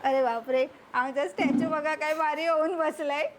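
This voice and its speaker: A woman's voice: high-pitched, steady tone, moderate pace, slight background noise. A woman hosting a family vlog, playfully running games with her children and laughing as she coaxes them. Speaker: vlog host, mother. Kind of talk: casual family vlog chat. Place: home, indoors.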